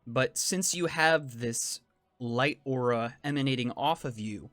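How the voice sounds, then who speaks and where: A man narrating a tabletop fantasy game as game master, in measured, descriptive second-person storytelling. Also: mid-range voice, a bit bright, dry recording, studio quality. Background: faint music.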